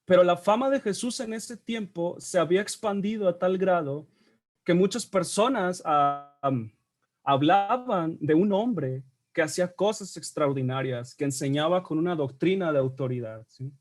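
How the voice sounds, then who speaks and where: A man with a high-sitting voice, speaking at a normal pace, leads a Bible study class. His style is conversational, and he keeps checking in with listeners through frequent tag questions.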